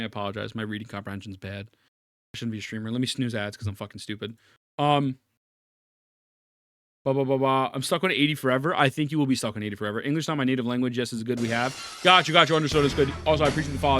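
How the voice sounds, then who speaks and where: This live streamer reacts to a video in a mid-range, slightly bright voice, recorded with studio clarity and no room sound. He keeps up a casual, meandering conversation with viewers, pokes fun at himself, and greets the chat again and again.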